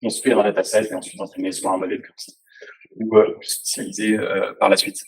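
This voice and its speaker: A man's voice: on the low side, little pitch movement, fairly quick, creaky, husky, rough recording. A man giving a casual technical presentation, hesitant, with many fillers and restarts. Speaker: presenter at a tech talk.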